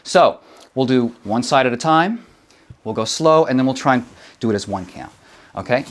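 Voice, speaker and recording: A man's voice: medium pitch, expressive, normal speed. A man teaching a martial arts lesson, explaining moves step by step and checking in with short tag questions. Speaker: karate instructor.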